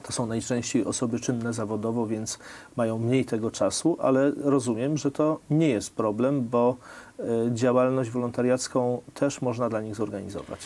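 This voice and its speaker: A man's voice: medium pitch, steady tone, normal speed, a little mellow. A middle-aged man hosts a city TV talk segment. He asks questions and sums up his guests' answers in his own words. He speaks from a studio set. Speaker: host. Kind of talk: studio interview.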